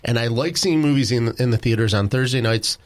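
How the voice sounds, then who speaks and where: A man's voice: mid-range voice, a little fast. A man co-hosting a podcast, chatting casually and bluntly, with frequent restarts. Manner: blunt, confident, many restarts. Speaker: podcast co-host. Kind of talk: casual chat.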